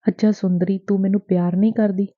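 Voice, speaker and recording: A woman's voice: medium pitch, level tone, quick pace, lightly acted. A woman voicing an earnest, lovesick young man in an audiobook, close to her own voice. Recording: dry, tinny phone-like sound.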